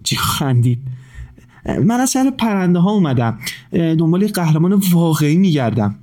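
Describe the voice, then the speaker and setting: A man voicing a small friendly talking bird in a children's storybook, speaking high and eager. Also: very animated. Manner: bright, eager, high-pitched.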